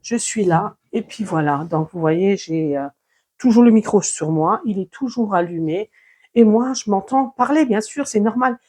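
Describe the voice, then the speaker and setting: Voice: mid-range voice, normal speed, a little mellow. A vlogger at home talking casually through a clip-on lapel mic on a phone, rambling with many fillers and restarts while walking between rooms. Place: home, moving between office and sewing room. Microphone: clip-on lapel mic plugged into a phone.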